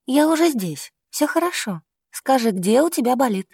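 A woman voicing a calm, commanding adult woman doctor who takes charge in a crisis. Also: sits high, fairly quick, dry recording, studio quality. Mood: firm.

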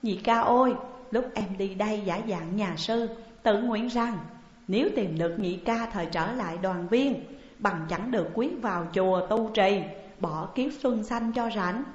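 A woman's voice: mid-range voice, measured pace, close to an everyday voice. Woman doing a pleading young man, sobbing, begging, storybook, echoey dull sound, long reverb. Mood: tearful pleading. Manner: weeping, imploring, emotional. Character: tearful pleading younger sworn brother, man.

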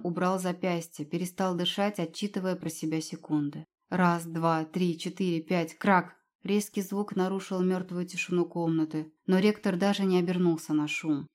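A woman reading a fantasy novel aloud as audiobook narrator, in a measured, expressive way. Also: on the low side. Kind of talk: scripted narration.

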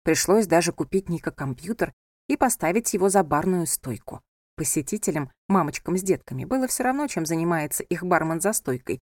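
A woman narrating a story in an even, storytelling manner. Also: on the low side, fairly quick, no echo, clean studio sound. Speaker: audiobook reader. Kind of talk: scripted narration.

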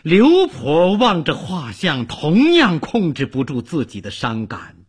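Slow, husky male storyteller. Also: fairly high pitch, wildly swooping pitch. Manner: dramatic, emotive narration. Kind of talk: traditional Chinese oral storytelling.

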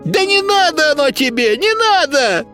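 A male narrator voicing a sharp-tongued grumpy old village woman, shrill and tearful. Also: sing-song, slow pace, soft background music, exaggerated voice. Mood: snapping.

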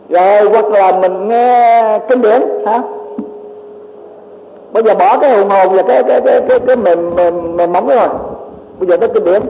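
A man, a Buddhist monk, giving a doctrine lecture, asking rhetorical questions and repeating filler words. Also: high-pitched. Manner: addresses listeners as a teacher. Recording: echoey hall, dull lo-fi with faint hiss.

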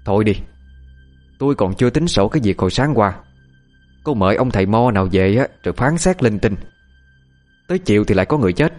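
A man's voice: fairly low pitch, animated, brisk, pauses often, a little mellow, faint music behind, close to an everyday voice. A man doing a furious scolding mother-in-law. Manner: berating, contemptuous.

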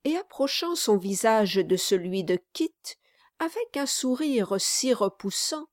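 Slow, measured woman narrating an audiobook. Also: a little high, sing-song, no echo, clean studio sound. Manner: measured, deliberate storytelling.

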